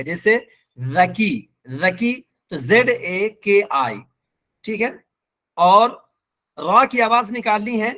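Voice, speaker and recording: A man teaching an online language lesson with a Pakistani accent, patient and repeating each example slowly. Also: high-pitched, sharp tone. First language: Urdu.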